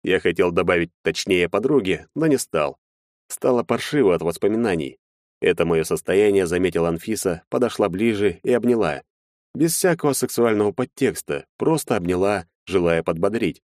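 Low, expressive male audiobook narrator. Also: normal speed, no room sound, studio quality. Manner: expressive, voices each character. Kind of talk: first-person audiobook narration.

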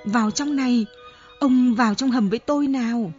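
A woman voicing a frightened, insistent older woman who pleads breathlessly in a high voice, on a dull lo-fi audiobook recording. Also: lively intonation, unhurried, darkish tone, soft background music. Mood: urgent.

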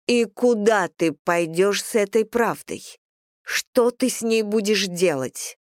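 Audiobook mother, read by the narrator: icy, slow, hissing rage, dry close read. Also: mid-range voice, animated, no room sound. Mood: cold. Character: cold, furious middle-aged mother. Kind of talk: audiobook character reading.

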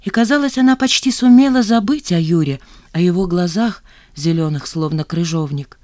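Audiobook narrator, scripted reading, measured, mid pitch, dry close sound. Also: a little mellow, dry recording.

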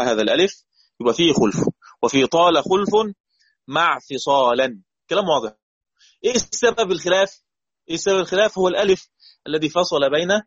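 An Egyptian man teaching recitation rules in a lecture, with a husky voice that sits a little high. He keeps asking the class questions and repeats the example words in a chant. The recording is dull and lo-fi. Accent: Egyptian Arabic.

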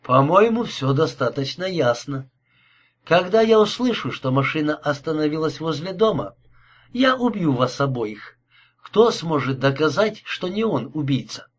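Man doing a calm polite killer, husky voice, raised pitch, mocking and unhurried, audiobook. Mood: cold menace. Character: cold courteous male killer, calm and menacing.

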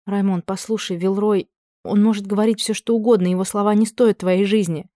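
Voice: medium pitch, fairly even intonation, fairly quick, dark tone, no echo, studio quality, pitched above the performer's own voice, lightly acted. A reader voicing an anxious young noblewoman, a duchess who pleads with her husband and turns icily proper with intruders.

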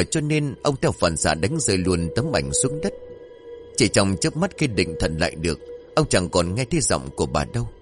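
Lively low-voiced male storyteller. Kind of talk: scripted ghost story narration.

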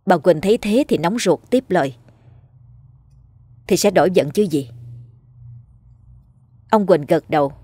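A woman reads a ghost story in a steady, measured voice that sits lowish and a little husky. The sound is dry and close, with no room around it. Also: no echo. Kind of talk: scripted ghost story narration.

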